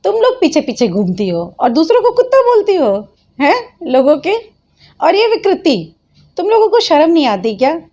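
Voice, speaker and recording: A high-pitched woman hosts her channel and scolds, tuts and mocks the people she reacts to, breaking into laughter often. Her voice is mellow and dark in tone despite its height, and the recording sounds dull and lo-fi. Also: big pitch swings, moderate pace. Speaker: channel host. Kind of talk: mocking reaction commentary.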